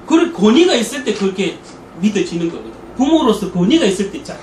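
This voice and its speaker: Animated male church parenting lecturer. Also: high-pitched, quick pace. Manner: animated storytelling, acts out quoted people. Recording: echoey room, distant mic, faint noise.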